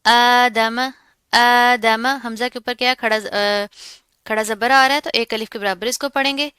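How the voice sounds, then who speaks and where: A woman gives a tajweed lesson, explaining and reciting the Quran, patiently breaking down each sound and asking and answering her own questions. She speaks fairly quickly in a fairly high, sharp voice, and the recording is clean with no echo.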